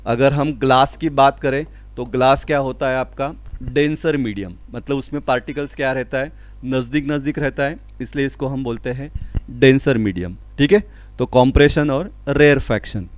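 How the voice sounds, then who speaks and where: A man teaching school physics in a lecture, explaining step by step, asking and answering his own questions, and reading out definitions slowly. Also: medium pitch, dry recording. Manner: mixes Hindi with English terms, reads definitions slowly. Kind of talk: classroom lecture.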